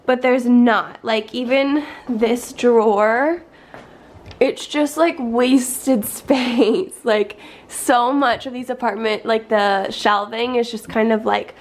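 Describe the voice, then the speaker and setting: Young woman, casual vlog chatter, slightly high voice, lots of fillers, recovering from a cold. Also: steady tone, slow. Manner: chatty, frequent fillers and light laughs. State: recovering from illness, slightly congested; slightly out of breath. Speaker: vlogger. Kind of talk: casual home tour vlog. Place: small apartment indoors.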